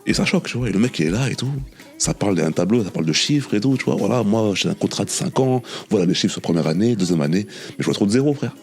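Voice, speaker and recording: A former professional footballer chatting as a guest, telling animated anecdotes and repeating himself often. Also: male voice, fairly low pitch, fast talker, soft background music. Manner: animated anecdotes with many repetitions and "tu vois". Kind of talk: casual storytelling interview.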